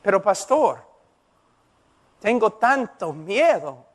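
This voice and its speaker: A man's voice: sits high, very animated, slow, exaggerated voice. A man preaching, voicing a frightened woman who pleads with her pastor. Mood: pleading. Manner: pleading, distressed. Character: frightened anxious woman seeking peace. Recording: reverberant hall.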